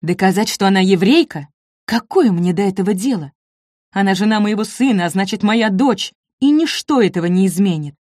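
A woman's voice: mid-range voice, lively intonation, fairly quick, a little mellow, no room sound, studio quality, close to an everyday voice. Woman reading as a defiant old father. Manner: defiant, firm.

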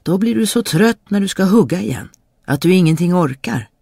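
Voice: medium pitch, expressive, gravelly, warm tone, husky, no echo, studio quality, pitched above the performer's own voice. A narrator voicing a poor woodcutter father in a storybook reading, warning his son in a fatherly way.

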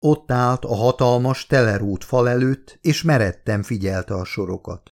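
A man narrates an audiobook with steady, measured storytelling. His pitch sits in a middle range for a male voice. The delivery is even and unhurried. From Hungary. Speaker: author reading his own audiobook.

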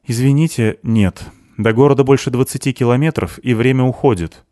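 A man's voice: mid-range voice, fairly quick, warm tone, no echo, clean studio sound, pitched above the performer's own voice, natural voice. A grim, clipped young woman, as a man puts her on. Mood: terse urgency. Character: young woman, tense and secretive.

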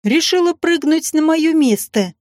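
A man's voice: very high-pitched, expressive, measured pace, a little mellow, no room sound, clean studio sound, pitched above the performer's own voice. A man reading an audiobook voices a brazen, scheming young mother with a sly, mocking, venomous manner.

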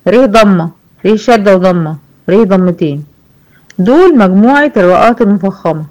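A woman with an Egyptian accent teaching a Quran recitation lesson to girls. She explains the rules slowly, repeats examples and checks that her students follow. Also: mid-range voice, expressive, darkish tone, low-quality recording. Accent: Egyptian Arabic. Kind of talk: online tajweed lesson.

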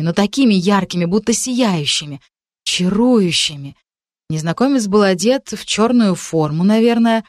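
A woman narrating a first-person audiobook with expressive storytelling. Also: lowish voice, no echo, studio quality.

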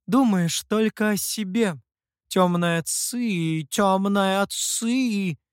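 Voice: medium pitch, big pitch swings, a little slow, no room sound, clean studio sound, voice pushed up. A reader voicing a sly, teasing female fox demoness in an audiobook, speaking in a mocking, playful way. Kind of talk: audiobook character voice.

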